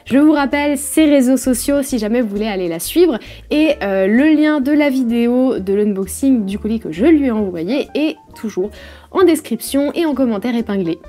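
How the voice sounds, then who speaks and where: A young woman in a casual unboxing vlog, enthusiastic and quick to giggle. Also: on the high side, animated, dark tone, soft background music. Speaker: vlogger.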